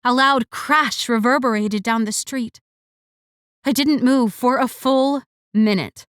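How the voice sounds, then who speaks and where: A woman narrating a first-person romance audiobook with an expressive, wry delivery. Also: a little high, takes it slowly, dry recording, clean studio sound. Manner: expressive, wry inner monologue.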